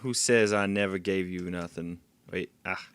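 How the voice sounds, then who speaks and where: A man with a deep, smooth, steady voice comments casually at normal speed on a stealth game he's streaming, with no room sound. When he messes up, he swears, bursts out in frustration and laughs at himself.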